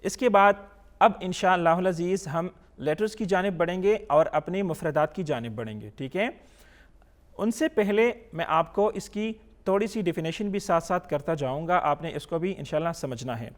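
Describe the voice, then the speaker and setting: A man's voice: high-pitched, expressive, normal speed. A man teaching a Quran reading lesson, asking questions and answering them himself, drawing out each letter as he recites it. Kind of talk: slow teaching lesson with call-and-repeat recitation.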